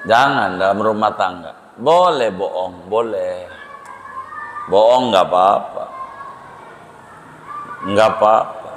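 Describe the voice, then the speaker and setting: A man's voice: on the low side, takes it slowly, pauses often, a little hiss or hum. A male Islamic preacher, giving a humorous, storytelling sermon. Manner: joking, storytelling, conversational.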